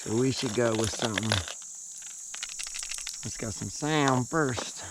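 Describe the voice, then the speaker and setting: A man's voice: medium pitch, takes it slowly, noisy background. A man hosting his own fishing video outdoors by a lake, recorded on an action camera, who keeps talking to himself and to the fish he lands. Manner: excitable, talks to himself and the fish. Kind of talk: casual fishing vlog commentary.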